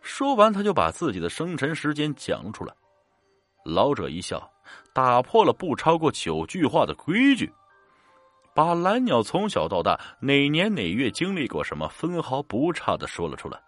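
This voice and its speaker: Male storyteller, husky voice, very expressive pitch, colloquial ghost-story telling. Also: dry recording, faint music behind. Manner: colloquial storytelling with drawn-out particles. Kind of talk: spoken ghost story narration.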